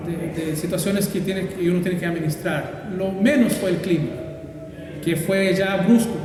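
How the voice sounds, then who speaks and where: A pastor who grew up in Brazil, answering interview questions in a thoughtful, hesitant way with many fillers. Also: male voice, high-pitched, steady tone, normal speed, very echoey, in a large hall, far from the mic, background noise.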